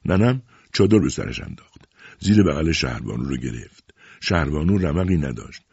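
A man narrating a novel aloud in an expressive storytelling manner. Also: rumbling low, vocal fry, husky, no room sound. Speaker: audiobook narrator. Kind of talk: scripted narration. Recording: dull lo-fi recording.

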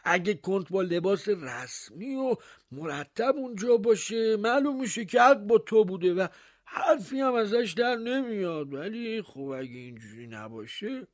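A man voicing a pompous, nosy male village mayor in a high, mocking voice. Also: very animated, no echo, clean studio sound. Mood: conspiratorial.

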